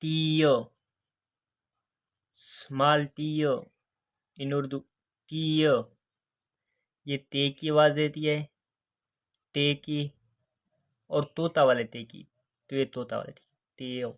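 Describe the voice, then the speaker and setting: A man teaching the alphabet, saying each letter slowly and repeating "next" and "okay" as he goes. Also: a little high, level tone. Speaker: English teacher. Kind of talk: alphabet lesson narration.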